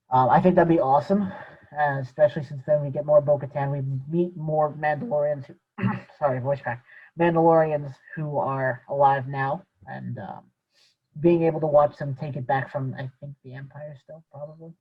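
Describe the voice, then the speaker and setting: A man co-hosting a casual podcast, chatting loosely about a show with fillers and trailing off quietly. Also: mid-range voice, normal speed, breathy edge, dull audio. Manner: relaxed fan talk with fillers, trailing off quietly. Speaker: podcast co-host. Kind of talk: casual chat.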